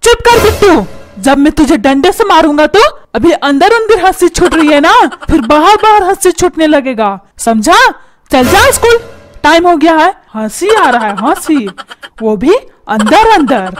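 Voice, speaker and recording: A woman's voice: sits high, animated, moderate pace, soft background music. A woman voicing a hot-tempered, stingy cartoon father who scolds and barks orders. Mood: scolding. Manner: scolding, bossy, shouting orders.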